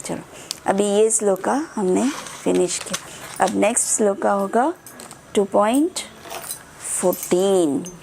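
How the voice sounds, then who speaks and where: A woman teaching children to pronounce Sanskrit verses, drilling syllables slowly and patiently. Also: mid-range voice, creaky, mellow, a little hiss or hum. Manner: slow, patient drilling of syllables, mixing English words. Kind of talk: online class teaching.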